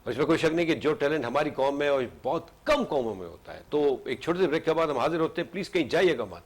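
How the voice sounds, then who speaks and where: A man's voice: on the high side, animated, fast. A man from Pakistan hosting a studio talk show, asking questions and mixing English phrases into his talk. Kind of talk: studio interview.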